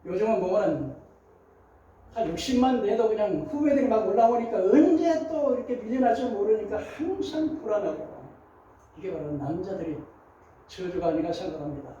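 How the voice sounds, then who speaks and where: Brief: older male pastor, high voice, mellow tone, animated sermon, heard from afar in a very echoey hall. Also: moderate pace, dull audio, slight background noise. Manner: animated preaching with acted quotes, shifting loud and soft. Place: large church sanctuary. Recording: roomy echo, voice from far off.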